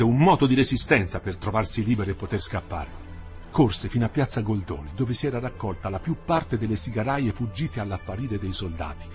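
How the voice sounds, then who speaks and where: An audiobook narrator with a mid-range male voice reads a novel aloud. His literary reading is measured and expressive, in a storytelling style.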